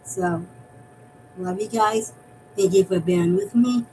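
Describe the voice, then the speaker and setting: Woman from Massachusetts, casual fan chat, mid-pitched, rambling delivery, faint rumble behind. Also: unhurried, a little mellow, rough recording. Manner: rambling, repeats and restarts phrases. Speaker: fan vlogger.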